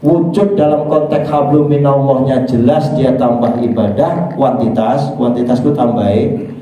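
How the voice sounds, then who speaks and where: A man's voice: mid-range voice, normal speed, warm tone, very echoey, far from the mic, low-quality recording. An older man with an East Javanese accent giving a joking dawn religious talk in a prayer room. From East Java. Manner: joking, teasing the congregation. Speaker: preacher.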